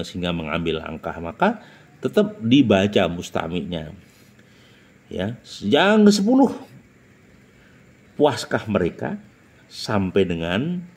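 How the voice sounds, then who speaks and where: A man teaching public speaking, stressing each numbered point and asking rhetorical questions. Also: slightly rough. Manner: emphatic, jumps up in pitch to announce each numbered point; rhetorical questions, frequent "nah" and "ya". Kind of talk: instructional talk.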